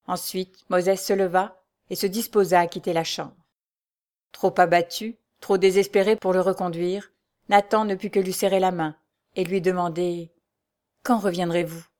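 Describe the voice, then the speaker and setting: A woman reading a classic French novel aloud as an audiobook narrator, in a steady, even way. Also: on the low side, normal speed.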